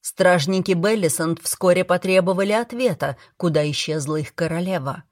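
A woman narrating a fantasy audiobook in the first person, in a measured, steady storytelling manner. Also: on the low side, dry recording, clean studio sound.

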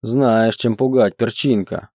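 A man reading an audiobook, voicing a huge, gruff bear-shifter husband who growls and gives orders, in a dry room. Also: medium pitch, steady tone, slow pace, dark tone, no room sound. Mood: gruff teasing. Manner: commanding, bossy. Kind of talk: audiobook character voice.

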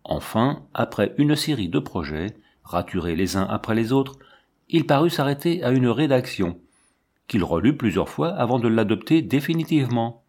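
A man reading a classic novel aloud in a measured literary manner, shifting his pitch for the characters. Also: very animated, a little mellow. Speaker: audiobook reader.

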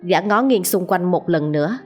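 A woman narrating a written story in a calm, even manner. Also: on the low side, normal speed, slightly rough, faint music behind.

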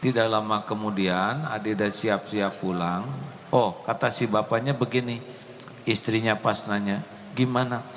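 A man's voice: on the low side, steady tone, moderate pace, a bit bright, slight background noise. A man preaching, telling a story and calling emphatically on his audience. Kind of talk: storytelling sermon. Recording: echoey hall, faint ambience.

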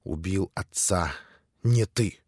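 A man voicing a gentle, devout young man who speaks quietly and slowly. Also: deep voice, no room sound, clean studio sound. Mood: hushed earnest. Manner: quiet, slow, deliberate.

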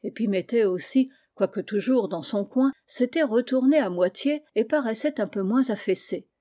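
Woman narrating a storybook, mellow tone. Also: on the high side, expressive, normal speed. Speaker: audiobook reader.

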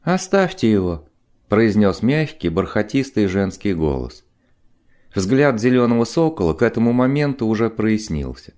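Expressive male audiobook narrator. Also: on the low side, moderate pace. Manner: expressive, dramatic reading. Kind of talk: scripted narration.

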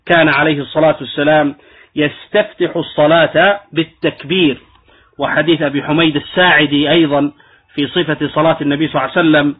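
Male religious scholar, high husky voice, methodical lecturing tone, lo-fi phone-like recording. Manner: explanatory, demonstrates wrong pronunciations. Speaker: Islamic scholar teaching jurisprudence. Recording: tinny phone-like lo-fi audio.

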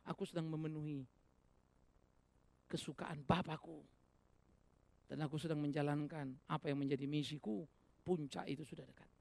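A male pastor preaching a sermon, swinging between loud exhortation and hushed asides, with many rhetorical questions to the congregation. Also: fairly high pitch, fairly even intonation, normal speed, vocal fry, long pauses.

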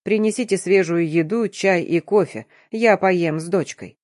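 Woman reading a tired, tender father, low soft slow voice, firm underneath, audiobook. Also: dry recording, clean studio sound, close to an everyday voice. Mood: weary tender. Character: weary gentle middle-aged father, tender but firm.

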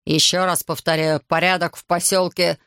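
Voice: mid-range voice, flat delivery, normal speed, bright, forceful tone, clear, resonant tone, dry recording. A haughty, self-important young guard in uniform, speaking down to others, as an audiobook narrator puts him on. Heard dry and close-miked.

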